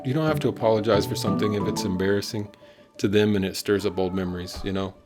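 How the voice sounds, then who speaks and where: A man's voice: on the low side, steady tone, fast talker, music in the background. A man telling a childhood story in a casual, rambling way, chuckling at himself. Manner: chuckling, rambling and self-deprecating.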